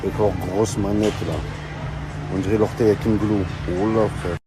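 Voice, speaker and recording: A man's voice: on the low side, level tone, normal speed, over music. A young man telling jokes in casual street slang, talking straight to his phone camera. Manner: joking, slangy street French. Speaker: comedian vlogger. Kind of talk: casual comic monologue.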